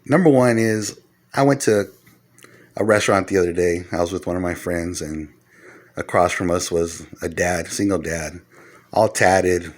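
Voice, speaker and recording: A middle-aged man with a fairly low voice talks straight to his viewers in a lecturing, earnest way, counting off his points. When he relives a quarrel he turns loud and heated. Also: normal speed. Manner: grows loud and heated when retelling arguments. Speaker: vlogger giving life advice. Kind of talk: casual monologue to camera.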